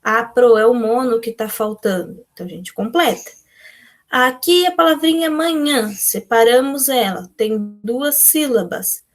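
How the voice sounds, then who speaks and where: A woman's voice: on the high side, animated, measured pace. Patient Brazilian woman teacher. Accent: Brazilian Portuguese. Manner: patient, explains step by step, answers pupils' imagined questions. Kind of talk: remote class walkthrough of textbook exercises.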